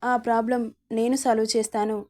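A woman's voice: on the high side, flat delivery, fairly quick, a little mellow, lightly acted. A woman voicing a protective middle-aged father questioning his upset son. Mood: concerned. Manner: concerned, reassuring.

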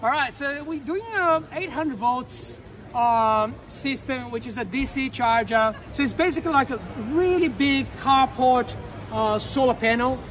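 A man in his thirties, hosting his channel in an indoor expo hall, talking excitedly in loose, rapid phrases. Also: extremely high pitch. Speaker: channel host. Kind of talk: casual expo walkthrough. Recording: crowd noise behind.

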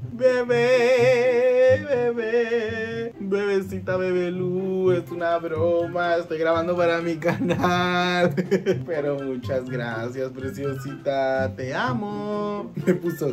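A man with a Mexican accent in a casual vlog, reading chat messages aloud in a playful, giggly, teasing way. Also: fairly high pitch. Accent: Mexican Spanish. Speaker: vlogger. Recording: background music under the voice.

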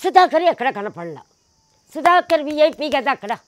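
This woman's high-pitched voice swings widely in pitch at a moderate pace, with no echo. Being interviewed, she narrates a personal story with emphasis, impersonating its people and firing indignant rhetorical questions.

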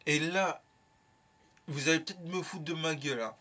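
Young male vlogger, bright and a bit high, tells a rambling anecdote full of slang and curses. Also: normal speed. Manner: lively, slangy, swears freely. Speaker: YouTuber. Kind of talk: casual storytelling.

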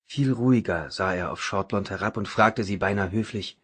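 A man reading a novel aloud as audiobook narrator, in a dramatic, even manner. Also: lowish voice, normal speed, breathy edge. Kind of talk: scripted narration.

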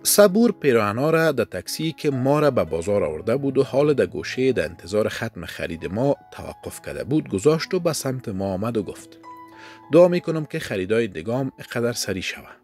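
A man with an Afghan Dari accent narrating a first-person story in a calm, measured reading. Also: mid-range voice, soft background music.

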